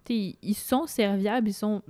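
A woman with a Québécois French accent, chatting casually as a guest and telling her stories in a lively way, often acting out her own thoughts aloud. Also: medium pitch, normal speed. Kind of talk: casual conversational storytelling.

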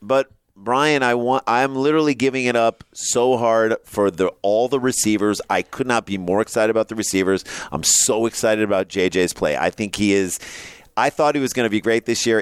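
A man co-hosting a sports podcast in casual chat, excitable and anxious, rambling with big jumps in pitch. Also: smooth, no room sound. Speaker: podcast co-host.

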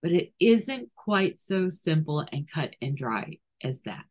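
A middle-aged woman dog trainer talking through training ideas and acting out little scenes. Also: takes it slowly. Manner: animated, acts out scenes with sudden high voices. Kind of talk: podcast monologue.

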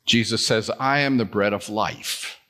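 A man preaching a sermon in church, reflective and gently personal. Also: lowish voice, unhurried. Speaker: pastor.

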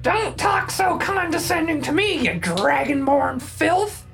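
A shrill little goblin at a tabletop game. The voice is very high and squealing, with a whiny, cackling, greedy edge and swooping pitch, over music. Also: female voice, animated, measured pace, creaky, exaggerated voice. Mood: scornful. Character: small wounded goblin, defiant then pleading, greedy. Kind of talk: tabletop role-play.

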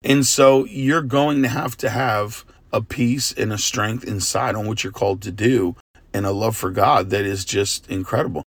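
A man preaching informally in a somewhat low voice that sounds exhausted from use. He talks earnestly and conversationally, checking in with listeners as he goes. The sound is dry and close, with little room on it. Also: steady tone, normal speed, husky, dry recording. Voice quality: tired, worn voice from much preaching. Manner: conversational, earnest, often asking "right?" and "you know". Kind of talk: casual devotional talk.

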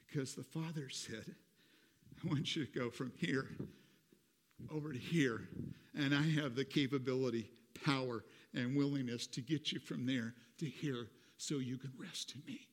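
A middle-aged man preaching a sermon as pastor, rising high and loud when retelling a story and dropping soft for personal asides. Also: normal speed, long reverb tail.

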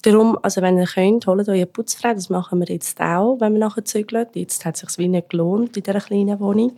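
A young woman with a Swiss German accent co-hosts a podcast in candid, chatty conversation. She laughs easily and speaks at a middling pitch. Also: steady tone, fairly quick, mellow. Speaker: podcast co-host. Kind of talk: casual chat.

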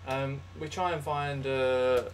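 A man's voice: medium pitch, slow pace. A young man co-hosting a casual comedy podcast, spinning absurd bits with a straight face. He stumbles and restarts as he goes, over a faint hiss of background noise. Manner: deadpan absurd storytelling, restarts. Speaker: podcast co-host.

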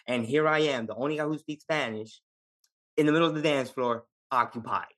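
A man's voice: mid-range voice, fairly quick, fairly bright tone. Podcast guest: New York Puerto Rican man, casual storyteller, laughs a lot, street slang. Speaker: podcast guest, Navy veteran.

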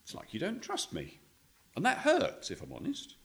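A man playing an earnest, lively writer. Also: high voice, moderate pace, gravelly, heavily acted. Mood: pleading. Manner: earnest, pleading, reads prose aloud. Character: earnest adult male writer. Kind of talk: comedy audio drama.

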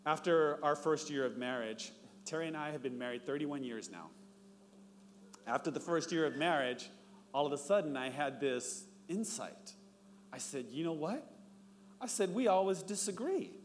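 Middle-aged pastor preaching in a reverberant hall. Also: male voice, normal speed. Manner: storytelling, acts out dialogue with rising pitch. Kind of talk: sermon. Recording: long reverb, faint background noise.

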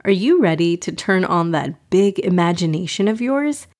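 A woman hosting and narrating stories for children in an expressive, unhurried fireside storytelling manner. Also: lowish voice, heavy background noise. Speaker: children's podcast host and storyteller.

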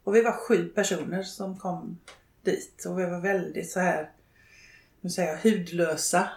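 An older woman talks slowly and haltingly, with many fillers and pauses. Her voice has a creaky, gravelly edge. She is recorded in a roomy space that gives a clear echo. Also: on the low side, darkish tone. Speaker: interviewee, widow and network co-founder. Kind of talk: reflective interview talk. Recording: roomy, echoey room.

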